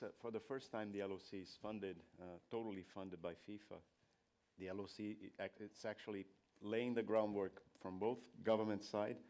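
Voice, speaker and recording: A man from Brazil presents at a conference in a low voice. He has a cold that leaves his nose stuffy. His delivery is polite and measured, with hesitations as he finds his words. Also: darkish tone. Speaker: communications director giving a presentation. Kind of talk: prepared conference talk, spoken off the cuff.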